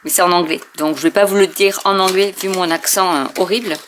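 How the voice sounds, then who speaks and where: A woman casually showing and testing inks, hesitating often with many fillers and often trailing off softly. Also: fairly low pitch, fairly even intonation, fairly quick, slight background noise. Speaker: craft video host. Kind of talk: casual product demo.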